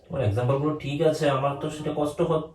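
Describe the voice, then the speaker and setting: Young man, halting, very fast talk. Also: mid-range voice, slight background noise. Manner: hesitant, flat, halting delivery. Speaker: vlogger pranking his wife. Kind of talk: staged emotional argument. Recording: echoey room, mic far off.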